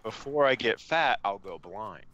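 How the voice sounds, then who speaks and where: A man's voice: on the low side, animated, a little slow, a crowd in the background. A man hosting a casual gaming stream, chatting and telling rambling, joking stories. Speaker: streamer host. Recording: dull lo-fi mic.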